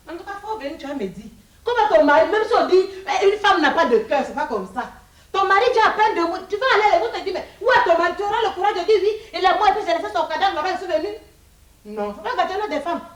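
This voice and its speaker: A woman's voice: very high voice, roomy sound. A woman performing a comic sketch, scolding and wailing in turn. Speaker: comedic actress playing a wife.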